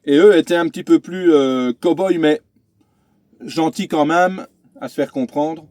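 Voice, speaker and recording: A man's voice: on the high side, measured pace, darkish tone, dry recording. A man vlogging from his truck cab, chatting through a road story with many fillers and restarts. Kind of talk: casual vlog storytelling.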